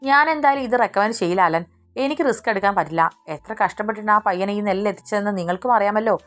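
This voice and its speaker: A woman's voice: medium pitch, racing, soft background music, close to an everyday voice. A woman reading a stern insistent male doctor. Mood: stern firm. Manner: firm, insistent.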